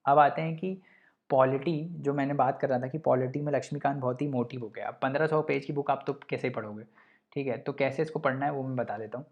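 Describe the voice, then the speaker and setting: A young man teaching in a casual, conversational way, dropping English terms into his Hindi. His pitch stays level and steady with little rise or fall. He checks in with the listener after nearly every point. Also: fast talker, highs cut off. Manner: repeats "theek hai" to check in, mixes English terms into Hindi. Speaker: exam coaching presenter. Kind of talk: casual explanatory lesson.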